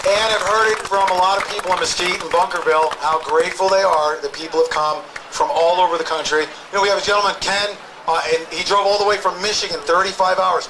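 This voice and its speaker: A man with a high, steady-toned voice runs the stage at an outdoor protest, bringing speakers up in turn. He talks quickly and keeps things light with jokes, while the crowd makes plenty of background noise.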